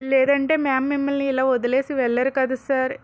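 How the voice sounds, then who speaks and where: A woman voicing a gentle, devoted young wife who earnestly comforts her husband, in a storybook retelling. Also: sits high, little pitch movement, a little fast, natural voice. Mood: consoling. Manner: soothing, earnest.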